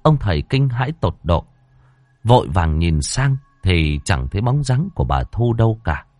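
A male storyteller reading a ghost story with a low, lively voice that rises and falls dramatically. The sound is dry and close, with no room echo. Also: moderate pace, soft background music.

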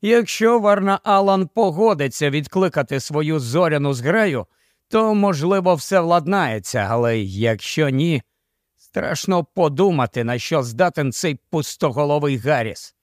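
A man's voice: on the high side, expressive, measured pace, no room sound, clean studio sound. A man doing a weary worried scientist. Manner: weary, resigned.

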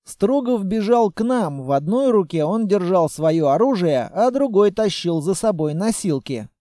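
A man reads an action novel aloud in steady storytelling, his voice pitched high for a man yet mellow in tone. The recording is dry and close, with no room around him. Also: moderate pace, dry recording. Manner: steady storytelling, reads every character himself. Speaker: audiobook narrator. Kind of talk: scripted narration of an action novel.

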